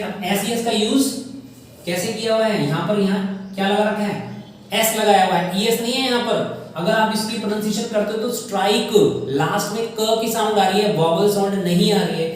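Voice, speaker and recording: A man's voice: high-pitched, fairly quick. A male English grammar teacher, explaining rules step by step in a classroom-style lesson and calling his viewers children. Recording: very echoey room, far from mic, faint noise.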